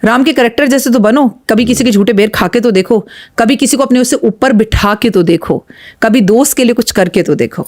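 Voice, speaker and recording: A woman astrologer speaks as a podcast guest in a slightly high voice. Her tone is blunt, emphatic and preachy as she gives advice. She often retells stories in quoted dialogue. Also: a little fast, darkish tone.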